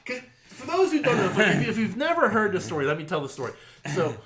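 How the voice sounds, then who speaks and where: A man's voice: high voice, very animated, fast talker, crowd noise. A middle-aged man, co-hosting a podcast and telling a story in a casual, profane way, acting out quotes and laughing often. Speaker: podcast co-host.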